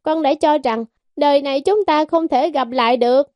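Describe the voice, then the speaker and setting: A woman's voice: high voice, moderate pace, a little mellow, no echo, natural voice. A woman voicing a cheerful young man who speaks tearfully and pleadingly to his mother.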